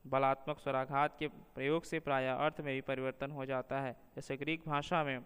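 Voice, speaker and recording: A man reading a linguistics lesson aloud in a measured way, slowing down to spell out example words. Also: medium pitch, fairly bright tone, smooth, big-room sound. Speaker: teacher.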